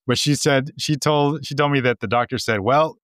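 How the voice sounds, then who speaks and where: A man's voice: mid-range voice, moderate pace, fairly bright tone, dry recording, studio quality. Chatty, laughing male podcast co-host. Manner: chatty storyteller, laughs often, many restarts. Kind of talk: casual chat.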